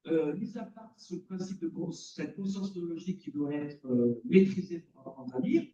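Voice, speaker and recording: Man, lecturer, conference talk, dark mellow tone, roomy hall, dull distant sound. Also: high voice. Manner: explanatory, quizzes the audience. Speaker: lecturer in cognitive psychology.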